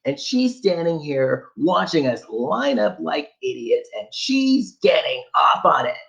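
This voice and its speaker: A man's voice: fairly high pitch, big pitch swings, a little slow, vocal fry, a bit bright, muffled recording, voice pushed up, full character voice. A man voicing an exasperated woman complaining bluntly while stuck in a queue. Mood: indignant. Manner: indignant, blunt.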